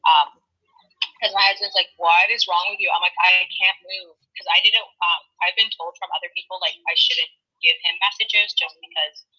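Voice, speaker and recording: A woman's voice: lowish voice, fairly even intonation, fairly quick, pushed and bright, husky. A woman guest telling a personal story in casual chat, rambling with many fillers and acted-out quotes. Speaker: podcast guest, spiritual healer. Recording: tinny phone line.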